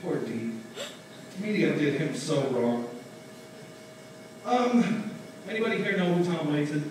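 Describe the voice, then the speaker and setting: A man's voice: on the high side, lively intonation, measured pace, a little hiss or hum. A young man doing a stand-up comedy set, hesitant, with lots of ums and uhs. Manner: hesitant, lots of ums, acts out drunk friends in loud voices. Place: small bar stage. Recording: echoey bar, far from the camera mic.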